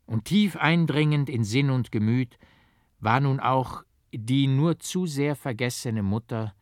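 A man's voice: mid-range voice, no room sound, studio quality. Solemn man reading a classic novel. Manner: solemn, measured reading with dramatic swells. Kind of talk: audiobook narration of a classic novel.

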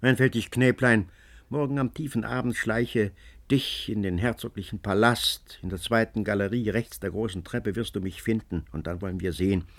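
A man's voice: lowish voice, moderate pace, lightly acted. A man voicing a scheming, cackling old woman servant in an audiobook, telling her tale breathlessly and dramatically. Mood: coaxing. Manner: breathless, wheedling, dramatic storytelling. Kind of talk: audiobook character reading.

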